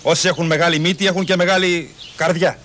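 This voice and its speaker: A man's voice: a little high, steady tone, fairly bright tone, lightly acted. A man playing a jealous, hot-headed husband. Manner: agitated, complaining, quick to flare up. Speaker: jealous husband and office clerk.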